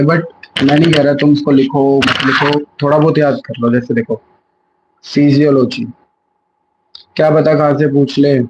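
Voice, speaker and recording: A man's voice: medium pitch, a little mellow, muffled recording, slight background noise. A young man giving a live revision lesson, chatty and self-correcting, mixing English words into his Hindi. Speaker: exam prep teacher.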